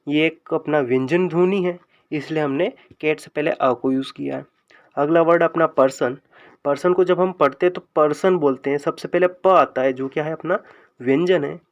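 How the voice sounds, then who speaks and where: Man, grammar teacher, slow explanatory lesson, higher voice, muffled lo-fi audio. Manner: slow and explanatory, stretching out example sentences.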